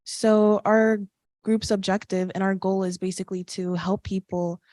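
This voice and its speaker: A teenage girl from New York presents her section in a flat, even voice. She hesitates often and fills gaps with "um". The recording is dry and close. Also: mid-range voice, moderate pace, no room sound. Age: teens. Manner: hesitant, with "um" fillers. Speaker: student presenter. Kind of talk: group presentation.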